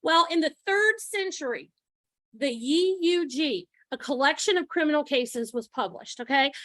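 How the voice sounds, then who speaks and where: Speaking aloud to students in a room, a forensic science guest lecturer in her forties uses a high, fairly bright voice. She projects like a teacher without any microphone, and there's no echo.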